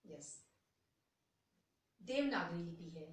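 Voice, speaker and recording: Woman teacher going real slow, kinda high voice, sounds far from the mic in an echoey room. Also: expressive. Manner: slow and deliberate, repeating each syllable. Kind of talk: slow classroom lesson with drills.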